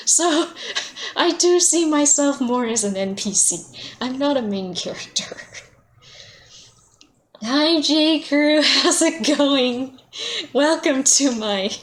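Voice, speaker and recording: A woman streamer talks casually over her gameplay, with a voice pitched right in the middle. She laughs often and greets her viewers by name. A faint hiss sits under her voice. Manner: chatty, laughs often, answers chat by name. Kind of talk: casual livestream chat while playing.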